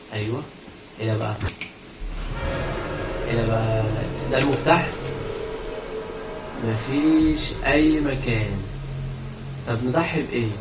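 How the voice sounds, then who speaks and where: A man with an Egyptian Arabic accent commenting as he plays a horror game, swinging between low muttering and panicky shouting. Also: roomy sound, recorded from a distance, very noisy. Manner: panicky shouting bursts while playing. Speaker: gaming YouTuber. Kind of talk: let's play commentary.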